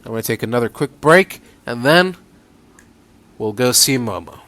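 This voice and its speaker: A man's voice: medium pitch, expressive, moderate pace, fairly bright tone, no room sound. A man giving easygoing, chatty let's-play commentary, swearing casually as he plays. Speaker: gaming YouTuber.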